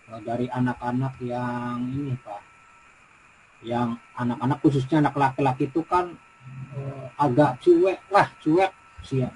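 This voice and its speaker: A middle-aged man with a West Javanese Indonesian accent, a teacher in a coaching practice conversation, talking haltingly with many fillers and repetitions. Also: mid-range voice, steady tone, darkish tone, slight background noise, poor audio. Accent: Indonesian, West Java.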